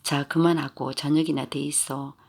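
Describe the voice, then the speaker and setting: A man voicing a weary middle-aged mother who mutters softly. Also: on the high side, flat delivery, moderate pace, gravelly. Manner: soft muttering.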